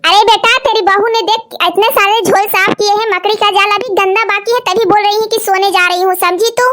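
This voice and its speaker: Cartoon story: woman plays a nagging, taunting mother-in-law, very high voice. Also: fairly even intonation, fairly quick, sharp tone. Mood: scolding. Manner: nagging, taunting, boastful about old times. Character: scolding, domineering older mother-in-law.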